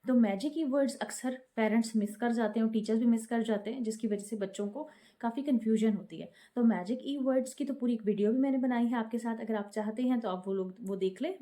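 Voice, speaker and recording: A woman teaching children's phonics in a video lesson, sounding out letters slowly and patiently. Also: on the high side, warm tone.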